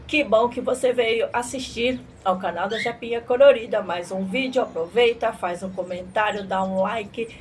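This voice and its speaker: A woman's voice: on the high side, normal speed, hardly any pauses. A middle-aged woman presenting a tasting vlog in a cutesy anime-streamer manner, sprinkling in Japanese catchphrases. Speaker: vlogger reviewing drinks. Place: tiled home room at a table. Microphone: camera a short distance away. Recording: clear ambient room noise.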